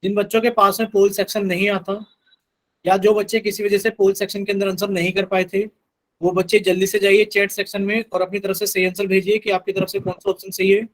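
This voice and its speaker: A man's voice: sits high, flat delivery, a little fast, poor audio. A man teaching a live online math class, patiently repeating instructions to his students.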